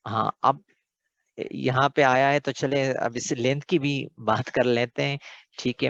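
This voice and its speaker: Male lecturer, unhurried and repetitive, dull dry recording. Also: mid-range voice, dry recording. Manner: patient, repeats points with frequent check-ins. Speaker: teacher. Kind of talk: recorded lecture explaining worked examples.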